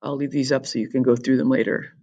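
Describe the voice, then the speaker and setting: A woman teacher talking through a recorded lesson for her students in a chatty, jokey way, explaining with quick asides. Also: very deep voice, level tone, dark tone, muffled recording.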